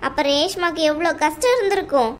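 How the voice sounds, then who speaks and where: A woman's voice: very high-pitched, expressive. A woman voicing a scheming, domineering middle-aged mother-in-law who talks in a scornful, taunting way in an amateur audio drama. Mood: scornful, bossy. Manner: scornful, bossy, drawn-out taunting.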